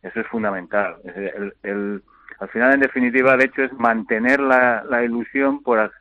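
A middle-aged man, a retired basketball player, answering interview questions by phone in a halting way, repeating words and filling pauses. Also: mid-range voice, fairly even intonation, no echo. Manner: halting, repeats words often, many fillers. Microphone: telephone. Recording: tinny phone line.

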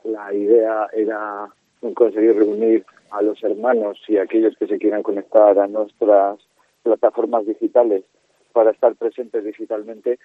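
A man's voice: on the low side, no echo. A man who leads a religious brotherhood, answering radio interview questions hesitantly, with frequent fillers, over a phone line. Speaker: brotherhood leader, interview guest. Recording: dry, tinny phone line.

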